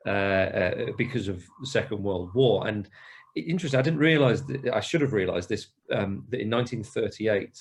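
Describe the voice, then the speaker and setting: A man hosting a podcast, relaxed and steering the talk with backstory. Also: lowish voice, normal speed. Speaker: podcast host. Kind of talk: podcast conversation.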